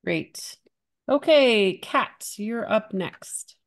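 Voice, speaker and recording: A woman moderating an online workshop, brisk and friendly as she calls on speakers. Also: medium pitch, lively intonation. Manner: brisk and friendly, moving things along. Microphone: video call.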